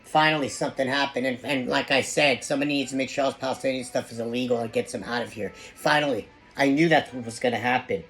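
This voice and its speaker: A man hosting an informal opinion monologue, speaking in a halting, repetitive and emphatic way. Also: medium pitch, fairly even intonation, vocal fry, fairly bright tone, faint music behind. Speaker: video host.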